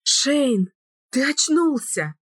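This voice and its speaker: A woman reading an audiobook voices a young heroine, tearful and pleading, in a higher, emotional voice. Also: steady tone, moderate pace, dry recording, studio quality, lightly acted. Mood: joyful.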